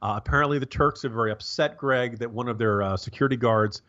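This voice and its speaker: An American man giving casual, wry political commentary as a podcast co-host, halting and rambling with a sarcastic bent. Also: mid-range voice, a bit bright, lo-fi sound.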